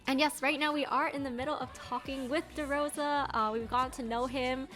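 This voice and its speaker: Casting: upbeat woman stream host, high and bright, faint music underneath. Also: steady tone, brisk. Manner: upbeat, greets chat viewers. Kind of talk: casual stream chat.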